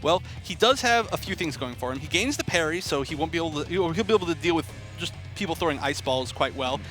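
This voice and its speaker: High-voiced man commentating over game music. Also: expressive, quick pace, fairly bright tone. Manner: analytical, explanatory. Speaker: esports commentator. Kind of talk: live fighting game commentary.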